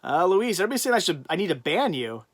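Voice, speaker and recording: A man's voice: high-pitched, sing-song, fast talker. Chatty man hosting a livestream. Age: adult with a child. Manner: rambling, many restarts and fillers. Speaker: livestream host reading chat. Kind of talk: casual livestream chat.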